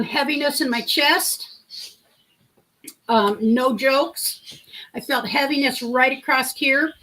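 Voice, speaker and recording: This livestream host, a middle-aged woman, has a big, high-pitched voice that sounds pushed and bright. She rambles through a story and answers her chat, and the recording is rough.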